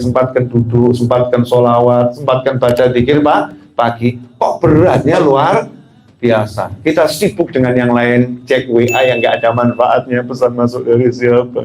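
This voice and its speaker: A man preaching a relaxed, conversational sermon, telling personal stories with rhetorical questions and playful asides. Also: mid-range voice.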